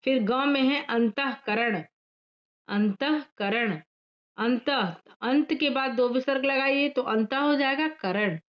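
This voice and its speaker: Lady teacher going over grammar with her class, high voice, repeats stuff slowly, kinda dull lo-fi sound. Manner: repeats key points slowly, addresses pupils directly. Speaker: school teacher.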